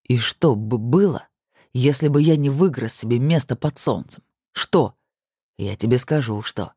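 A woman's voice: a bass voice, lively intonation, a little slow, dark tone, slightly rough, dry recording, clean studio sound, exaggerated voice. A woman doing a cold, contemptuous young man. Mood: furious. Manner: curt, contemptuous, barking. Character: cold, furious young man, harsh and cutting.

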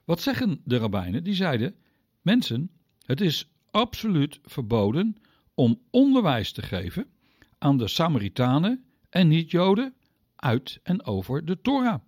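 A man teaching the Bible on the radio, speaking directly to his listeners and explaining step by step, with sudden pitch leaps on key words. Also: huge pitch swings, a little slow, a little mellow, no echo, clean studio sound.

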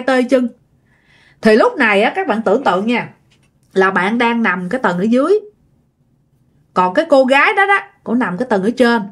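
Woman, casual ghost story narration, talks to listeners, lively pitch, fairly high voice. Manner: chatty, animated, addresses listeners directly.

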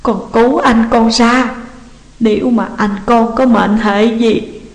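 A tearful middle-aged mother, as a woman reader puts her on, begging in slow, sobbing phrases, her voice raised higher than the narration. The reading sits in a roomy space with a long, hall-like reverb trailing each line. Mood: pleading. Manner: sobbing, slow and drawn-out pleading. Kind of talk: audiobook reading.

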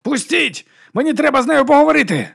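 A man's voice: a little high, brisk, no echo, clean studio sound, close to an everyday voice. A man doing a giddy, drugged detective. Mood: frantic shouting. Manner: excited, tipsy rambling, shouting at times. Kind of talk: audiobook character voice.

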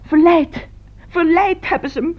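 A woman's voice: extremely high pitch, unhurried. An actress playing a grieving middle-aged mother in a radio play, pleading and blaming herself through tears. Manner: tearful, pleading and self-blaming. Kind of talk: radio drama acting. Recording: dull lo-fi radio recording.

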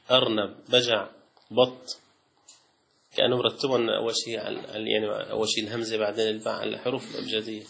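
A man, a sheikh teaching Islamic law in a classroom lecture. He reads lists aloud from a text and breaks off into quick colloquial asides. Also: on the low side, creaky, a bit bright, slight background noise.

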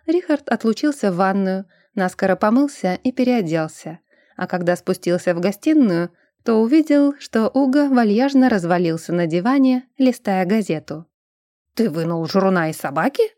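A woman narrating a fantasy novel as an audiobook in a steady storytelling manner. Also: mid-range voice, moderate pace, dry recording, studio quality.

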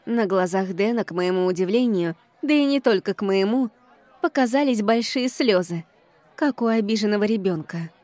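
A woman's voice: medium pitch, animated, normal speed, darkish tone, no echo. A woman reading a first-person audiobook with an ironic, exasperated tone. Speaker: audiobook reader.

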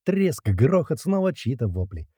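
A man's voice: medium pitch, sing-song, measured pace, dark tone, breathy edge, no room sound, studio quality. A man reading a first-person action audiobook aloud, with tense narration and the dialogue read in. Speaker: audiobook reader.

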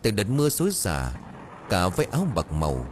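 A man's voice: low voice, huge pitch swings, brisk, soft background music. A man narrating a dramatic audiobook story.

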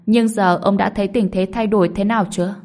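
A woman's voice: medium pitch, fairly even intonation, fast, darkish tone, natural voice. A woman voicing a cocky young male swordsman who taunts his enemy. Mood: taunting. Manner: taunting, mocking.

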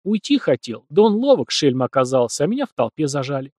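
Man voicing a street orphan boy, timid, mumbling, quiet. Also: fairly high pitch, very animated, quick pace, no room sound, clean studio sound. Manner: mumbling, subdued.

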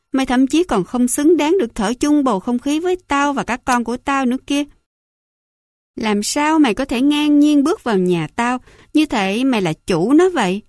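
A woman's voice: on the high side, no echo, clean studio sound, natural voice. A woman voicing a cruel, scornful middle-aged mother who smokes and mocks her son. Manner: sneering, mocking, contemptuous.

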